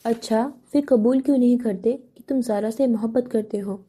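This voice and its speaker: A woman's voice: on the high side, fairly even intonation, warm tone, breathy edge. Teasing young male friend, read by a woman. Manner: teasing, prodding questions. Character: teasing, curious young man, a close friend.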